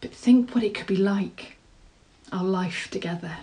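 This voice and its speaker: Poorly recorded, a woman's natural, dark-toned, medium-pitched voice moves at a measured pace. The actress delivers a dramatic monologue as a nervous, tender woman proposing marriage, rambling earnestly, hesitant and self-deprecating, with a hopeful, tender mood.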